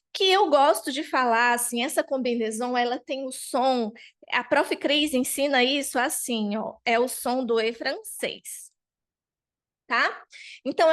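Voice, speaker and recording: A woman teaching French pronunciation patiently, checking in often with her students and drawing out model sounds slowly. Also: high voice. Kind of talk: online language lesson.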